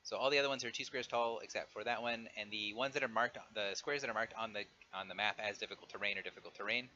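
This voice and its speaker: A man running a tabletop session, describing the terrain in a loose, rambling way. His voice sits a little low and cuts through with a bright edge, on a muffled recording. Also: fast, a little hiss or hum. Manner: relaxed, filler-heavy rules explanations. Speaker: game master. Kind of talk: running a tabletop game over a live stream. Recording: dull lo-fi stream audio.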